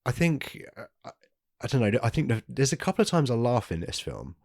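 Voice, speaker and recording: A man's voice: medium pitch, big pitch swings, a little fast, darkish tone, dry recording, clean studio sound. A man co-hosting a film podcast, talking in a rambling, hesitant casual way and laughing at himself now and then. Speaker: podcast co-host. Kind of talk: casual chat.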